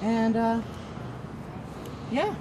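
A man's voice: very high voice, extremely slow. A young man casually showing visitors around an outdoor protest camp, chatty and easygoing, laughing now and then. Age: young adult. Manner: relaxed, chatty, laughs easily. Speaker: camp resident giving a tour. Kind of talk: casual guided tour. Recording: outdoor noise behind.

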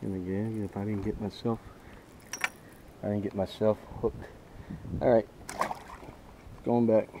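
Out on a small boat on a lake, a fishing vlogger keeps up a casual, folksy commentary, half to himself and half to his viewers. His fairly low voice barely moves in pitch, and he speaks at a measured pace with frequent pauses. Faint boat and water noise runs in the background.

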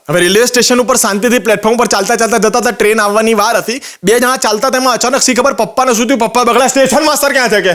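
Gujarati comedy guy, talks super fast, high voice, jumps between quoted voices. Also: a bit bright. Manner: rapid storytelling with quoted voices. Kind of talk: stand-up joke telling.

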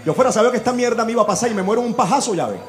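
A Venezuelan man doing stand-up comedy, telling a crude story in an animated way and acting out the people in it. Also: extremely high pitch, rapid-fire, a faint crowd. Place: live comedy venue with audience.

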